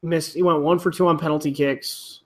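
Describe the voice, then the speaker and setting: A man's voice: a little high, fairly even intonation, normal speed, darkish tone. A man hosting a casual chat, rambling with restarts and the odd swear. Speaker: rugby podcast host.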